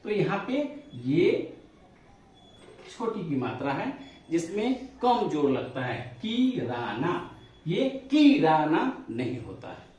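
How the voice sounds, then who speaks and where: A man's voice: high voice, big pitch swings, takes it slowly, darkish tone. A male teacher giving a spoken lesson step by step. He repeats sounds for his listeners to say back and stretches vowels to show long and short ones. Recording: very echoey room, voice from a distance.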